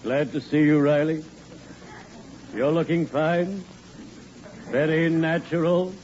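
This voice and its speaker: Genteel male undertaker for old radio comedy: unhurried, morbidly cheery, noisy vintage recording. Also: fairly high pitch, fairly even intonation, darkish tone, highs cut off. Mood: genteel, pleased. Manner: measured, formal, morbidly punning delivery. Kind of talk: 1940s radio comedy acting.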